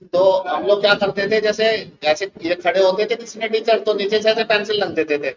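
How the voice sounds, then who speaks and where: High-voiced Indian teacher telling a story. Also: male voice, fairly quick, lo-fi sound, crowd noise. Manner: animated anecdotal telling. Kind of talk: classroom storytelling. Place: classroom.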